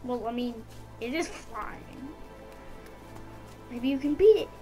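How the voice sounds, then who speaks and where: A woman's voice: a little high, lively intonation, slow, dark tone, soft background music. A woman watching a friend play a game, teasing her and giving short directions. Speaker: co-host watching gameplay. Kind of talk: casual let's play chat.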